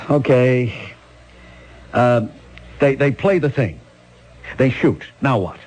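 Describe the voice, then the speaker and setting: A police lieutenant in an old-time radio mystery. He is blunt and weary, with a medium-pitched voice. He questions people impatiently and keeps probing. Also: expressive, extremely slow. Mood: methodical, pressing.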